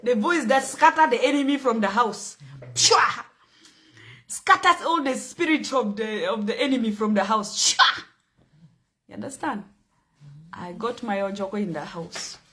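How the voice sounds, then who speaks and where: Slow, bright-voiced Ugandan woman. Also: fairly high pitch, slight background noise. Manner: playful, teasing, laughs often. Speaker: livestream host. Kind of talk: casual livestream chat.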